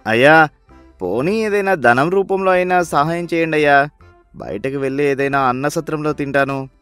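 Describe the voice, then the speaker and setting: A man's voice: fairly high pitch, moderate pace, a bit bright, clean tone, no echo, faint music behind, lightly acted. A man voicing a poor, hungry beggar who pleads humbly for food in a storybook tale. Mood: pleading. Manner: pleading, repeatedly begging for alms. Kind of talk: storybook voice acting.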